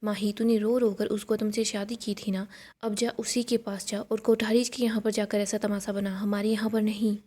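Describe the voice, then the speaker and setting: A woman voicing a hot-tempered grown son who taunts and bullies his family, in a mellow voice. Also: mid-range voice, little pitch movement, normal speed, natural voice. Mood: angry. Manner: taunting, scolding.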